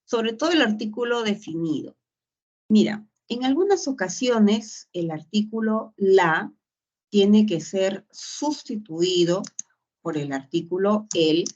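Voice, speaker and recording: A woman's voice: mid-range voice, darkish tone. A woman teaching a grammar lesson, explaining patiently and checking in with short tag questions. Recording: dull lo-fi sound.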